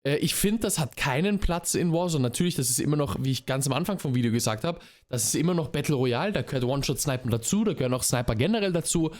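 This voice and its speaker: A man's voice: on the high side, expressive, fast, hardly any pauses, darkish tone. A young man streamer giving casual reaction commentary, laid-back and dropping English gamer slang into his talk.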